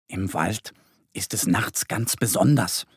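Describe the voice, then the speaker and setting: A man's voice: deep voice, takes it slowly, husky, no echo, studio quality, exaggerated voice. Man doing a friendly little bear cub. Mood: cozy. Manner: warm, protective.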